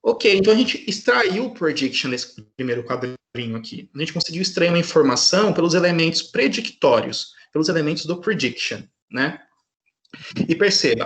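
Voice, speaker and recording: A man's voice: fairly high pitch, a bit bright, reverberant. A man teaching an English class online in a patient way, often checking in with his students.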